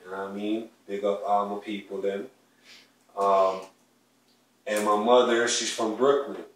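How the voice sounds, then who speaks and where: In an echoey indoor living room, an earnest young podcast co-host tells casual, heartfelt stories touching on his soul and ancestors. His fairly low, slightly bright voice is level and unhurried, captured from afar by a stand mic with a wide camera, carrying a bit of hiss or hum.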